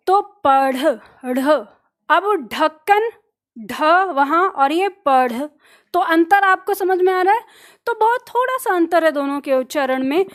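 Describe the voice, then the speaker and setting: A woman teaching an online Hindi lesson, explaining step by step, putting questions to her students and answering them herself. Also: very high voice. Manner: slows down and drags out letter sounds to demonstrate pronunciation. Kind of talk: online exam-prep lesson.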